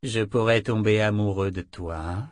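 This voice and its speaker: A man's voice: lowish voice, a little slow, no room sound, studio quality, close to an everyday voice. A man doing a haughty, icy royal counselor. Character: arrogant, cold older brother, a royal counselor.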